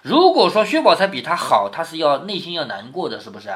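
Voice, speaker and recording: A man's voice: a little high, wildly swooping pitch, fast talker, fairly bright tone. Guy reading an old novel to his kid and explaining it, voice goes up and down a lot, keeps checking "right?". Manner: explanatory, asks the listener questions. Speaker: father reading a classic novel to his daughter. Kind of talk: storytelling with running commentary.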